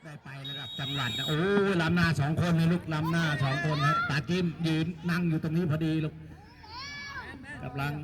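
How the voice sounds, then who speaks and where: A man's voice: steady tone, brisk. A man giving chatty local football commentary at an outdoor field, joking with people nearby. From Thailand. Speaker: match commentator. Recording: loud crowd at a pitch.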